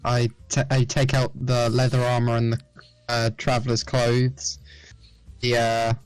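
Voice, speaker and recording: A man voicing his own character in a tabletop game, chatty and a little halting as he lists what he carries. The sound is dry, with quiet music playing behind him. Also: medium pitch, completely flat delivery, clean tone, dry recording, poor audio. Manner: chatty, listing items with pauses. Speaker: player. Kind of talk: in-character tabletop play over voice chat.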